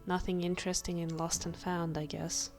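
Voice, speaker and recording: A woman's voice: lowish voice, little pitch movement, moderate pace, a little mellow, soft background music. A woman giving casual gameplay commentary, muttering and questioning herself as she thinks aloud. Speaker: gamer.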